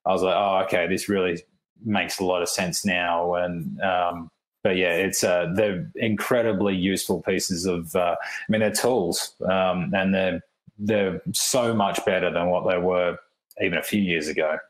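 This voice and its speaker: A man, a rider and journalist, giving relaxed interview answers full of fillers. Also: low-pitched, unhurried. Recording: echoey room, faint noise.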